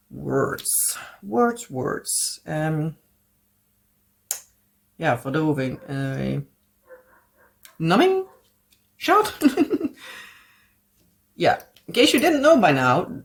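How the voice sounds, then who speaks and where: Her voice sits low and creaky. She's a Dutch woman, Dutch accent and all, making a craft vlog at home, casually chatting while she works, wandering from point to point, groping for English words, and giggling frequently.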